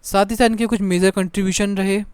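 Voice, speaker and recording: A young man, teaching an exam-prep lesson. He reads English notes slowly, explains in Hindi, and urges his students directly. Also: high-pitched, level tone, clear, resonant tone, no room sound. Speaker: tutor.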